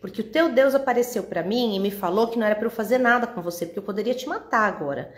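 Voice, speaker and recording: A woman's voice: fairly high pitch, fast, echoey room, close to an everyday voice. A woman doing a stubborn older man, grudging. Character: stubborn older man claiming his property.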